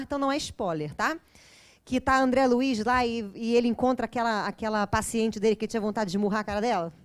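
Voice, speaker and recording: A woman's voice: fairly high pitch, darkish tone. A woman with a Brazilian Portuguese accent giving a spiritual lecture to an audience, chatty and joking, often asking her listeners to agree.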